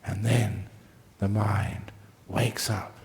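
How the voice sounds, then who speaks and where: A man's voice: lowish voice, flat delivery, drawn-out words, a little mellow. A man speaking informally as a meditation teacher, introducing a class in plain, short phrases.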